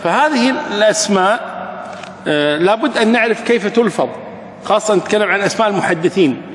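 A man teaching hadith sciences, slowly reciting lines of a classical poem and then explaining them at an easy, patient pace. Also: high voice, animated, roomy sound, in a large hall.

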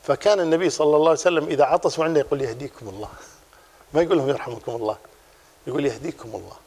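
A man teaching a religious class, explaining a text in a lively way and repeating his key points. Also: fairly high pitch, very fast, long reverb tail.

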